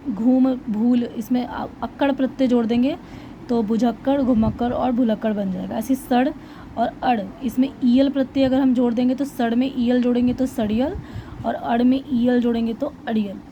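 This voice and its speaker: A woman with a fairly high but mellow voice teaches a grammar lesson, patiently going through each example one by one. The audio is slightly dull and lo-fi, with a faint hiss underneath. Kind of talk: explaining lesson to students.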